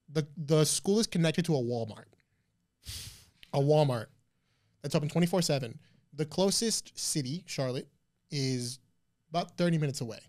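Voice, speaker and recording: Animated, profane young man. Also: a little high. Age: 20s. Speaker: podcast guest. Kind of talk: casual interview chat.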